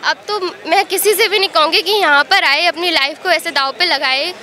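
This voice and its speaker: A woman's voice: very high voice, moderate pace, sharp tone. A young woman from Uttar Pradesh, a student at a protest, talking earnestly in a street interview into a reporter's handheld mic outdoors. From Uttar Pradesh, India. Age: young adult. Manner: earnest, mixes English words into Hindi. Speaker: civil service exam student at a protest.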